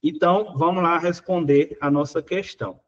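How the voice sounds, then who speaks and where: A man's voice: on the high side, fairly even intonation, normal speed, highs cut off. A Brazilian Portuguese man teaching, working through exam questions in a casual, conversational way, full of little fillers.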